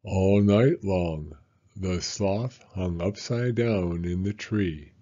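An older man reading a children's picture book aloud deliberately, with pauses between words. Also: low-pitched, mellow, muffled recording. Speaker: storyteller.

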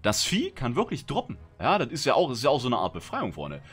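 German man, livestream gamer, chatty, lively voice that leaps up in excitement, answers chat. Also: mid-range voice, a little fast, husky, faint music behind. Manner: chatty, swings from grumbling to excited shouting; reads out chat messages and answers viewers. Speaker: streamer. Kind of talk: casual livestream gameplay chat.

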